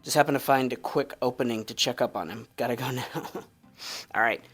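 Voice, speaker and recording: A man's voice: medium pitch, brisk, a bit bright, slightly rough, faint music behind. A man streaming a video game and chatting casually over it, joking and laughing often. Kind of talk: casual let's-play commentary.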